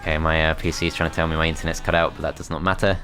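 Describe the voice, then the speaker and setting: A man's voice: rumbling low, level tone, rapid-fire, over music. A man commentating his strategy game as he plays, thinking aloud in a tentative, self-critical way. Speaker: gameplay commentator.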